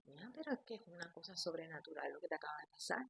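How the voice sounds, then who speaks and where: A woman quoting her mother giving gentle advice, in her own soft voice. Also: low voice, expressive, rapid-fire, gravelly, breathy edge, no echo, full character voice. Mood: reassuring.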